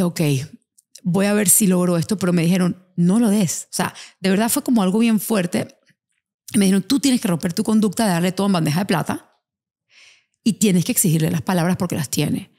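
A woman's voice: mid-range voice, a little mellow. A woman hosting a podcast, telling stories animatedly and acting out the voices of people she quotes. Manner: tells anecdotes animatedly, acts out quoted voices. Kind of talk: casual podcast conversation.

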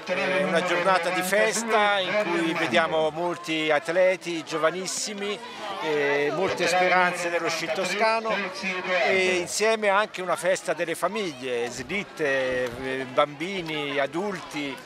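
A man speaks outdoors in a formal, official-sounding way with a slightly raised pitch. A loud crowd is heard all around him. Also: takes it slowly. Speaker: interviewee. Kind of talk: outdoor interview.

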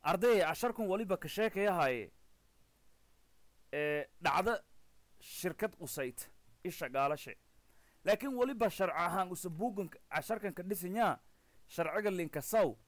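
A man with a Maay Somali accent gives a recorded English lesson, and his voice sits fairly high for a man. He is close to the microphone in a dry, dead-sounding space, reading the text and then explaining it word by word. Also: animated, normal speed, long pauses, no echo. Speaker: English teacher.

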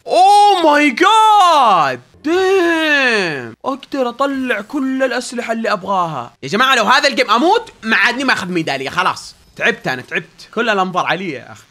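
Young man, very high voice, fast talker, gameplay commentary, yelling then muttering. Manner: yelling and pleading in tense moments, muttering when calm. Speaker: gaming YouTuber.

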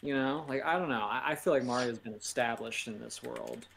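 A man co-hosting a casual chat, giving measured opinions and thinking aloud. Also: medium pitch, vocal fry, fairly bright tone, a little hiss or hum. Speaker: podcast co-host. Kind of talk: casual chat reacting to a trailer.

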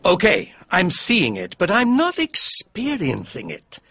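A pompous, lecherous boss, played by a man, drawls slowly with big swoops in pitch. His voice is bright and a little breathy. The room sounds dry and close. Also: huge pitch swings, dry recording, exaggerated voice. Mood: smug.

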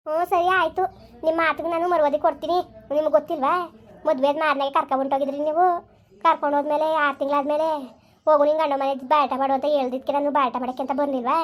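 A woman's voice: high-pitched, little pitch movement, fast talker, natural voice. Woman playing a sulky young village wife.

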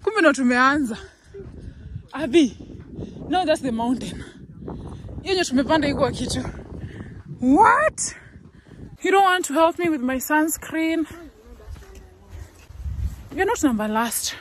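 High-voiced Kenyan woman vlogging outdoors. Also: expressive, a little slow, pauses often. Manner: chatty, mixes English and Swahili. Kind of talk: casual hiking vlog. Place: outdoors on a windy mountain trail. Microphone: phone camera held at arm's length. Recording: wind noise on phone mic.

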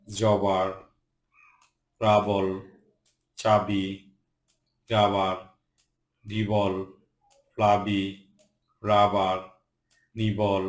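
A man teaching English pronunciation, reading word lists slowly, one word at a time, with short rule explanations. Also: lowish voice. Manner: slow, deliberate word-by-word drilling. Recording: echoey room.

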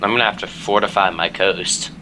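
A young man with a low, steady voice chats casually and fairly quickly through a headset with earphones while playing an online multiplayer strategy game. He jokes, teases and swears, and there's background noise.

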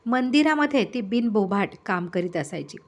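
A woman narrating a devotional biography aloud in clear, steady storytelling. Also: medium pitch, moderate pace.

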